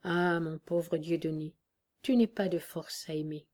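A dying old soldier, calm and firm even at the end, as a woman reader speaks him. The voice is low and hushed, and the lines unfold very slowly, with a quiet wry edge. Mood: weary, tender. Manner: weak, hushed, steady.

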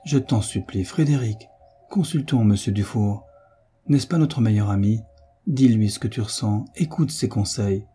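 A man's voice: fairly low pitch, moderate pace, mellow, husky. A man voicing a timid, pleading young mother. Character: anxious, gentle young mother. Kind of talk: audiobook character voice.

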